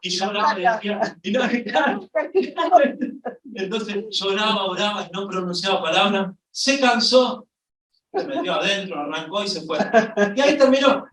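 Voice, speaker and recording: A middle-aged Argentine pastor tells a story during a sermon in a church hall, his high voice rising with excitement as he speaks at a normal speed. He comes across as lively, and the echoey recording sounds like it was captured from far off in the church.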